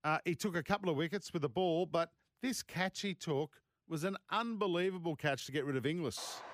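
A man's voice: on the high side, fairly quick, no room sound. A man with an Australian accent hosting casual sports talk. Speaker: sports radio host.

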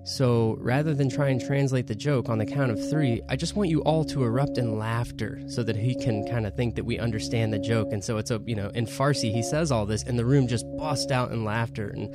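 A man co-hosting a podcast, casually retelling a story in a relaxed, chatty way. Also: mid-range voice, a little fast, few pauses, over loud music. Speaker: podcast co-host.

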